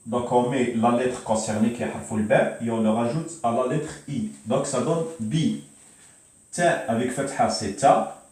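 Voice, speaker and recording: A man's voice: medium pitch, darkish tone. A man teaching a beginners' Arabic lesson, explaining patiently and repeating himself with many hesitations. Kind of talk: beginner language lesson at a whiteboard. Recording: very echoey room, mic far off.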